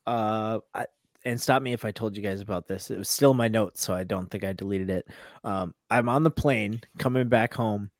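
A man's voice: medium pitch, dry recording, clean studio sound. A man on a podcast, chatting casually with a wry, amused way of telling stories. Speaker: podcast co-host. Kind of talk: casual chat.

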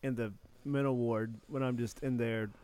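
A man co-hosting a podcast, chatting casually with sardonic, dark, profane humor. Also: medium pitch, fairly even intonation, moderate pace, clean tone. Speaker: podcast co-host. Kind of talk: casual chat.

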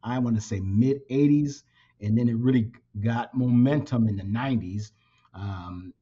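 A man in his fifties, a native Spanish speaker who grew up in California, speaks as a company president in a casual interview, full of fillers and restarts. His mid-range voice is a little slow, dark and slightly rough. The recording sounds dull and lo-fi.

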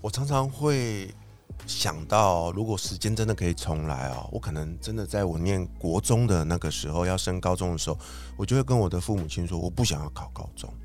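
Deep-voiced reflective co-host. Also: male voice, expressive, fairly quick, darkish tone, faint music behind. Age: middle-aged. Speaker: podcast co-host. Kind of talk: casual podcast chat.

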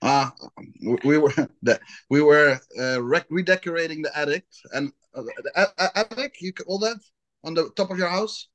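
A man, the guest's husband, chiming in with quick joking remarks in a casual interview. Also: fairly high pitch, fairly bright tone, low-quality recording.

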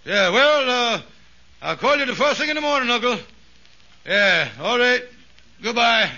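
An actor playing a boastful, scheming, fast-talking male con man in an old radio sitcom, on a lo-fi recording. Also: very high-pitched, animated, bright, forceful tone, exaggerated voice. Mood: blustering. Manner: blustering, fast-talking, wheedling. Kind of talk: 1950s radio sitcom acting.

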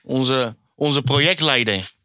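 A man's voice: mid-range voice, takes it slowly, sharp tone, no echo, studio quality. Een man die als podcasthost losjes en plagend met zijn gasten kletst. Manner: teasing, joking. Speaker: podcast host. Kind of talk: casual podcast chat.

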